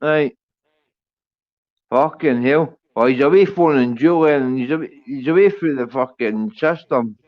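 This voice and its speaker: A man's voice: medium pitch, measured pace, no room sound. A man with a Glasgow street accent arguing on a livestream panel, confrontational and full of swearing. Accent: Glasgow Scottish. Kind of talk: heated livestream argument. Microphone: online panel call. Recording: dull lo-fi voice-call audio.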